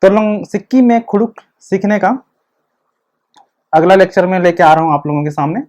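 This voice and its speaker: A man giving an online video lecture, explaining slowly and step by step while he writes. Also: sits high, steady tone, a little mellow. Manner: slow, step-by-step explaining, repeating the same check word. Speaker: teacher of a script.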